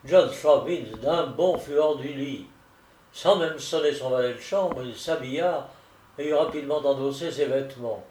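A man narrating a storybook in a steady, theatrical reading. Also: mid-range voice, moderate pace, slight background noise. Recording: roomy echo, distant mic.

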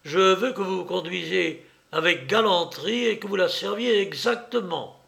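A man's voice: high-pitched, lively intonation, normal speed, vocal fry, pushed and bright, voice pushed up, heavily acted. A man voicing an impatient male army lieutenant in an audiobook, curt and commanding. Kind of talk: audiobook character reading.

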